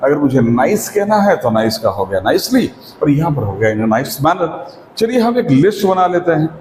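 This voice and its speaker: A man with an Indian accent teaching a spoken English lesson, explaining step by step and often asking if it is clear. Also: a little high, sing-song, moderate pace, a little mellow, a little hiss or hum. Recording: echoey room with long reverb.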